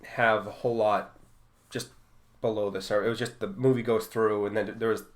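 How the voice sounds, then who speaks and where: A man's voice: fairly low pitch, level tone, brisk. A man from Massachusetts with a mild local accent, co-hosting a casual chat in a blunt, teasing, emphatic way. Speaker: podcast co-host.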